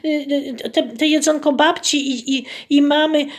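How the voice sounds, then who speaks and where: A woman voicing an eager little grandchild who stumbles excitedly over words. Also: sits high, moderate pace, voice pushed up, close to an everyday voice.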